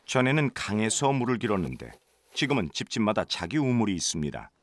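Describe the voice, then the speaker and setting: A man narrating a documentary in a measured, informative scripted voice. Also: fairly low pitch, sing-song, noisy background.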